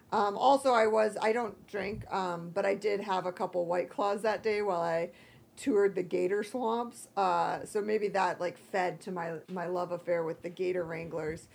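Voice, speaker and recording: Creaky, hoarse American woman chatting. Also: fairly low pitch. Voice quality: hoarse, croaky allergy voice. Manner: self-deprecating, candid, salty. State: hoarse from allergies. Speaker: podcast co-host. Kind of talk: casual chat.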